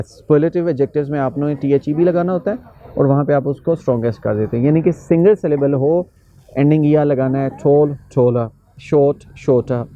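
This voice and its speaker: A man giving a grammar lecture as an English teacher, explaining step by step and slowing down to say the English example sentences. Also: mid-range voice, dark tone, dull audio. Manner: mixes English examples into explanation, slows for English phrases.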